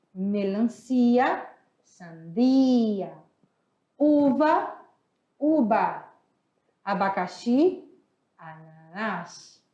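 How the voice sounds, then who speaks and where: A young Brazilian woman teaching a Spanish class, lively and slow, repeating each word to drill it. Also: medium pitch. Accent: Brazilian Portuguese. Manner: lively, drills words slowly and repeats them. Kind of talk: recorded online class. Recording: echoey room, dull lo-fi audio.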